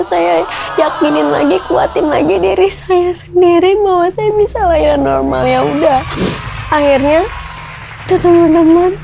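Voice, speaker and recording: A woman's voice: very high-pitched, creaky, background noise. A young woman telling a personal story in a vlog, emotional and tearful at times, acting out the voices of the people she quotes. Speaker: vlogger. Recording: music playing behind the voice.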